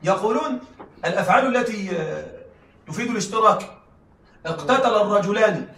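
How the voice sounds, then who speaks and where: Male lecturer, rapid and high-voiced, keeps asking the class if they follow; roomy sound from a mic set back. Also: animated, creaky, a bit bright, a little hiss or hum. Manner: checks in with the class, frequent laughing asides. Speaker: teacher. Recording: echoey room, mic at a distance.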